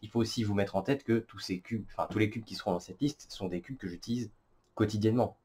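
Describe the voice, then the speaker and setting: Male vlogger, lowish voice, halting casual commentary with lots of fillers. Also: mellow, husky. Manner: hesitant, many fillers and self-corrections. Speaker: cubing vlogger. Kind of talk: casual screen-recorded commentary.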